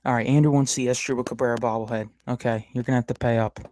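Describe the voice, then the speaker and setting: A man's voice: mid-range voice, fairly even intonation, rapid-fire, darkish tone, slight background noise. Rambling, stammering podcast host, a man. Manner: rambling, stammering, ranting sports fan. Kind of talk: casual live-stream chat.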